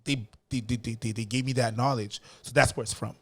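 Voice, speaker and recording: Speaking briskly in a mid-range voice, the Montreal-born street dancer, a middle-aged man raised on French, spins animated stories in a casual interview. The audio has no echo, and his telling is peppered with stammered restarts.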